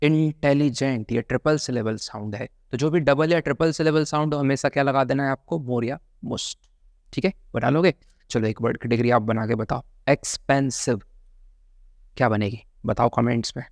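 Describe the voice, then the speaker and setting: A man teaching English grammar for exam prep, chatty and drawing out his examples slowly. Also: medium pitch, no echo, studio quality. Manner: chatty, drills examples slowly, calls viewers brother.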